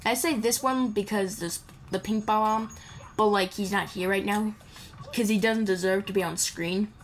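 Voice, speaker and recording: A woman with a mid-range voice and fairly even intonation comments on her gameplay at a moderate pace. Game music plays behind her as she rambles playfully and chats with the characters.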